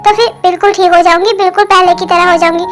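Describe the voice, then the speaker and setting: Fan-dub woman as a resigned young wife: very high, level, soft-spoken, faint music. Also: fairly even intonation, quick pace. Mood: reassuring. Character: young wife, sad and self-blaming.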